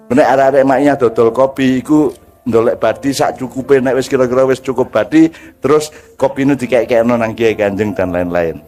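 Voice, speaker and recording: An older man with an East Javanese accent preaches to a live audience in a folksy, joking way and keeps throwing questions at the crowd. His pitch sits at an ordinary middle level, and faint music plays behind him. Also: normal speed, darkish tone. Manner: joking, conversational, mixes languages, asks the crowd questions. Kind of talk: folksy religious talk to a crowd.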